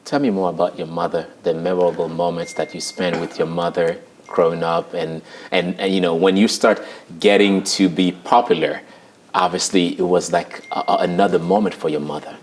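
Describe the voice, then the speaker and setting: Low-voiced upbeat male talk show host. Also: little pitch movement, normal speed. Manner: upbeat, laughs often, repeats words. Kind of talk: studio interview. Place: TV studio set. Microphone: lapel mic.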